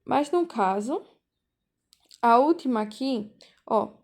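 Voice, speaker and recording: A high-voiced woman teaches an online class. She speaks slowly and patiently, and she often repeats herself and checks in with the students. Her voice comes through a video call. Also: lively intonation. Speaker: volunteer teacher.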